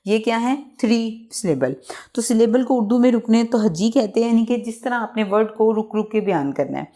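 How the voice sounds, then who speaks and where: A woman teacher giving a bilingual English lesson, reading out example sentences and spelling out words slowly, one by one. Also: on the high side, lively intonation, dark tone. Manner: slow, drawn-out word-by-word pronunciation.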